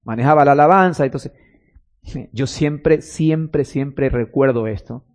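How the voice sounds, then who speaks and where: A man's voice: medium pitch, measured pace, a little mellow. A man preaching a sermon as pastor, telling stories and rising into emphatic calls.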